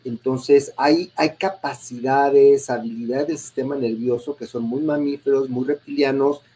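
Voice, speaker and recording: Husky, mellow-voiced host. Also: male voice, medium pitch, steady tone, rough recording. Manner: measured, reflective, frequent "este" fillers. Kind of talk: conversational interview.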